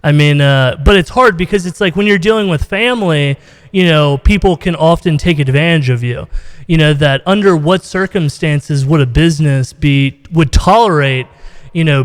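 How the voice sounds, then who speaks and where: Talking at normal speed in a clean, fairly high voice, this Ohio podcast host runs a relaxed video-call interview, loose and full of "you know." The indoor room is roomy and echoes long.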